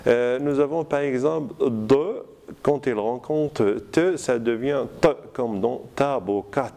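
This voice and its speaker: A man giving a university lecture, slow and deliberate, with many hesitations. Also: medium pitch, gravelly, dark tone.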